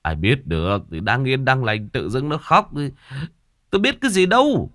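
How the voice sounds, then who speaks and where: A man's voice: low voice, big pitch swings, unhurried, darkish tone, dry recording, clean studio sound, exaggerated voice. A man voicing a flustered elderly grandfather who stammers while defending himself.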